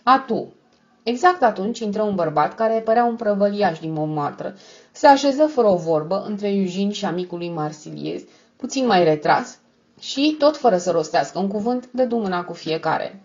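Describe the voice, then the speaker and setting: A woman narrating a novel as an audiobook in a steady, measured read. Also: mid-range voice, muffled recording. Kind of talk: scripted narration.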